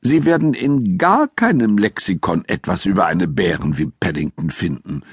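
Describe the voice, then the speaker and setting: A man's voice: low-pitched, sing-song, normal speed, breathy edge, no room sound, studio quality, exaggerated voice. A man voicing a fussy, tart older female housekeeper in a children's audiobook, with a grumbling manner. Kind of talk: audiobook character voice.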